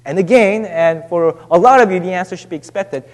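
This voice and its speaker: High-voiced pastor, echoing hall. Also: male voice. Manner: conversational, halting with many restarts and fillers. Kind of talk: sermon. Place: church sanctuary. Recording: long church hall reverb.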